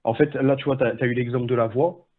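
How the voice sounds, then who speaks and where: A man's voice: mid-range voice, fairly even intonation, fast. A man calling in to a stream, explaining a topic in a hesitant, restarting way. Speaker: caller. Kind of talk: phone-in call. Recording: tinny phone line.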